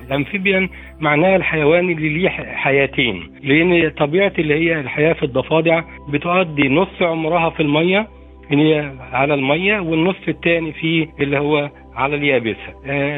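Phone-like recording of a fast-talking Egyptian man. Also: on the high side. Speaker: expert interviewee. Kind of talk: informal spoken explanation. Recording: narrow, phone-like sound. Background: faint music.

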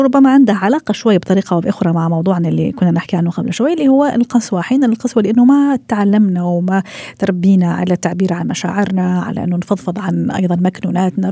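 A woman hosting a radio talk show, talking very fast in a soft, mellow voice. She keeps the conversation moving with quick affirmations. The sound is close and dry. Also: mid-range voice, no echo. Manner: quick, engaged, affirming interjections.

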